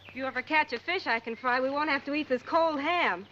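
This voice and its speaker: A woman's voice: high-pitched, fairly quick, bright, forceful tone. A woman playing a polite, chipper young officer's daughter in a 1940s comedy film. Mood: teasing. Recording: muffled, faintly hissy old film soundtrack.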